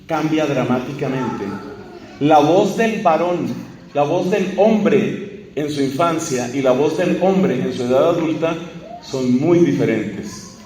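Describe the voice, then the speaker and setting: A man's voice: on the high side, darkish tone. A man preaching a live sermon to a congregation, emphatic and repetitive, asking rhetorical questions. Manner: emphatic, repeats key phrases, asks rhetorical questions. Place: large hall or church with an audience. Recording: echoey hall, speaker far from mic, faint hum.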